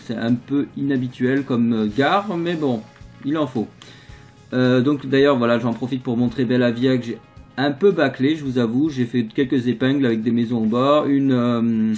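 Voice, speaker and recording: A man giving a casual, rambling walkthrough of his city-building game, full of fillers and restarts. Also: a little high. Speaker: let's play host. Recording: faint background music.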